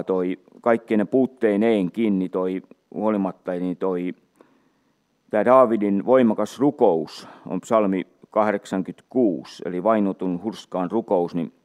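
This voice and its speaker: A man teaching from the Bible in an unhurried way, reading scripture aloud between his own remarks. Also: on the low side, darkish tone. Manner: unhurried, many fillers and restarts, reads scripture aloud. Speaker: preacher.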